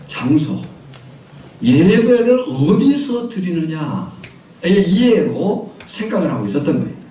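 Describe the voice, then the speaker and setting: A man's voice: a little high, dark tone, slight background noise. A man preaching a sermon as pastor, quizzing his congregation with questions and repeating key phrases in a rhythmic list. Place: small island church. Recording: echoey church sound from a distant mic.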